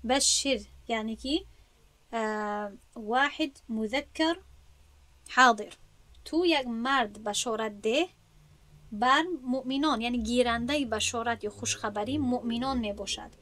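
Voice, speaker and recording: A woman's voice: a little high, sharp tone. A woman with a Tajik accent teaching an Arabic grammar lesson, patiently explaining and asking her students questions before answering them herself.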